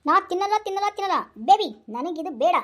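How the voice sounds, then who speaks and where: A woman's voice: very high voice, quick pace. A woman doing a whiny, meek cartoon husband. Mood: whining. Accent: North Karnataka Kannada. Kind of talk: cartoon voice acting.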